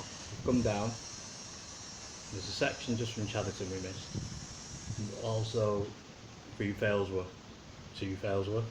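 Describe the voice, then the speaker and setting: A man who makes canal walk videos gives loose, casual commentary while strolling beside a city canal, wandering off topic and chuckling to himself. His voice is fairly low, and the recording is very noisy.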